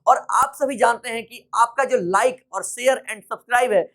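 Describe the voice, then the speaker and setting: A male English teacher giving a grammar lesson, patient and repetitive, often checking that students follow and spelling out example sentences slowly word by word. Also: extremely high pitch, fairly bright tone.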